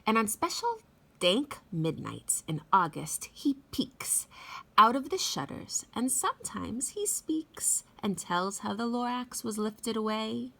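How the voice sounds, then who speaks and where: A middle-aged woman talking and reading aloud to young children in an expressive teacher's manner. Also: a little high, slow, gravelly. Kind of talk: children's read-aloud with chatty introduction. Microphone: phone at arm's length.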